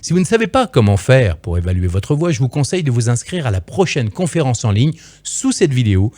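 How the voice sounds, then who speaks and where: A man's voice: medium pitch, sing-song, brisk, darkish tone. A man coaching future voice-over artists in an emphatic, playful direct-to-camera lesson, on a close microphone.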